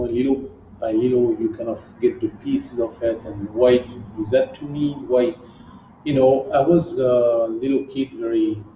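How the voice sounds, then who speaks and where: A middle-aged man from southern France, a kickboxing champion guesting in a gym, answers interview questions casually in French-accented English. His voice is medium-pitched and warm, and he halts often while searching for English words. The room echoes, the mic sounds distant and muffled, and there's a faint hiss.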